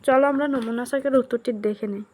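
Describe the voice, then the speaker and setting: A woman's voice: on the high side, fairly even intonation, brisk, warm tone. A woman teacher, giving an online class. She reads textbook questions aloud and answers them in short, spaced phrases. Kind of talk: online class lesson, reading and explaining a textbook.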